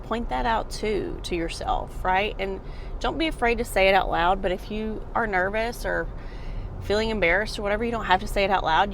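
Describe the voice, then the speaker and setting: A woman's voice: medium pitch, a little hiss or hum. A woman in her forties, a fitness vlogger and mom, talking earnestly and directly to the viewer. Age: 40s. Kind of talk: casual motivational talk to camera.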